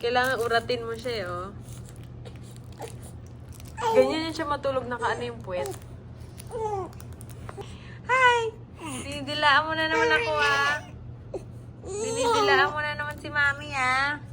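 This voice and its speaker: A woman's voice: high voice, lively intonation, normal speed, long pauses, background noise. A young woman from the Philippines talking baby talk to her infant daughter at home, cooing and coaxing in a sing-song way. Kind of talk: casual baby talk, mixing Tagalog and English.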